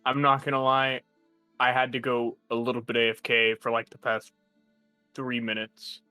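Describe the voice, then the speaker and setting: A man chats casually as a tabletop game player. His voice is bright and close with a dry sound, over faint music. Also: mid-range voice, flat delivery, moderate pace, no echo. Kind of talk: casual chat.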